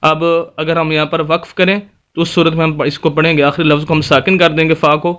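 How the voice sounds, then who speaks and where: A man teaching Quran reading in a step-by-step recitation lesson, patiently explaining and then slowly spelling out letters and vowel marks. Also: on the high side, level tone, a bit bright. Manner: patient explanatory tone, addresses viewers politely.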